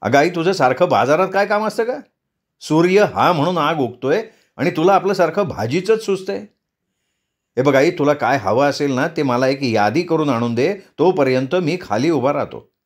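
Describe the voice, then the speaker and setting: A man's voice: a little high, lively intonation, moderate pace, close to an everyday voice. A man voicing an impatient scolding son. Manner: scolding, nagging. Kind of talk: storytelling read-aloud.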